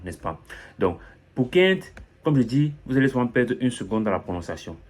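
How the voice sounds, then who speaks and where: Low-voiced man teaching pronunciation. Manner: chatty, repeats example phrases, says "n'est-ce pas" often. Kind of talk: casual lesson talk.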